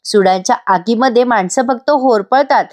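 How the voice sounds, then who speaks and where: A woman voicing a gentle, loving young bride in a voice-over episode recap, speaking softly and affectionately. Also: a little high, normal speed, natural voice. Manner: soft, affectionate, pleading. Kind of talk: voice-over recap reading a character's lines.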